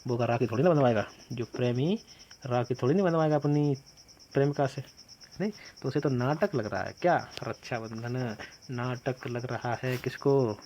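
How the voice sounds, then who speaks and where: A man's voice: mid-range voice, normal speed, a little mellow, muffled recording, slight background noise. A male teacher running an exam-prep quiz lesson, playfully asking questions and answering them himself with jokey memory tricks, calling his students "bhaiya".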